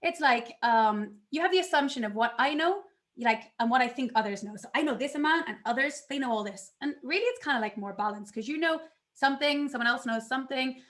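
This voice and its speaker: A woman giving a conference talk, telling her story in an animated way and acting out her own past reactions. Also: high-pitched, a little fast. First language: not English. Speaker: conference speaker.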